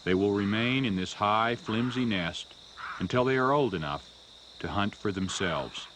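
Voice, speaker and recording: A man narrating a scripted nature documentary in a measured, storytelling way. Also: lowish voice, noisy background.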